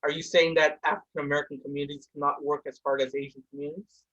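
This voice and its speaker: This casual podcast discussion features a young Indian man hosting from a room at home, speaking fast and heatedly and restarting often. His fairly high voice is a bit bright and barely moves in pitch, while the audio has its highs cut off.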